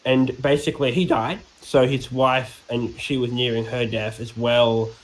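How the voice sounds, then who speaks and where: A man's voice: mid-range voice, flat delivery, a little slow, low-quality recording. An Australian man co-hosting a podcast, casually recapping game lore in a rambling, joking way with many fillers and restarts. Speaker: podcast co-host.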